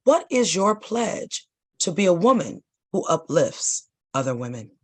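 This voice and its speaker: Woman host asking a measured question. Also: lowish voice, sing-song. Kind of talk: interview question.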